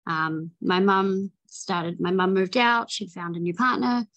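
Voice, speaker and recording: Tired and rambling, full of ums and false starts, a young New Zealand-accented woman tells her own recovery story. Her mid-range voice has a fairly bright tone and moves at a measured pace.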